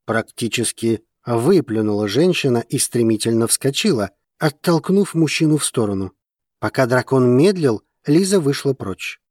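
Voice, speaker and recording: A man narrating fiction for an audiobook in a measured, steady manner. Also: mid-range voice, no echo, clean studio sound.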